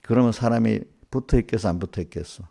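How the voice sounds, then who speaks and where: Talking fast, a pastor with a lowish voice that is creaky and mellow with a breathy edge preaches informally to a small group. He addresses the congregants directly, scolding them with a steady run of rhetorical questions.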